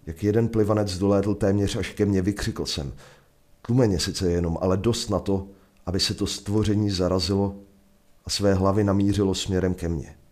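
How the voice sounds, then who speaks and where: A Czech man telling a first-person adventure story in a measured, vivid narration. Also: deep voice, fairly even intonation, darkish tone. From Czech Republic.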